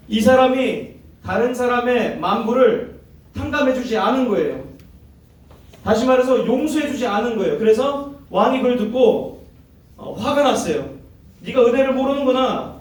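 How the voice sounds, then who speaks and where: A man's voice: high-pitched, darkish tone, far from the mic. A man preaching to young people, often asking them questions and acting out the voices in the story he tells. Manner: asks the audience questions, acts out quoted voices. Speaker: youth pastor. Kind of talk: interactive sermon to teens. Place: church hall. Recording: very echoey hall, heard from afar.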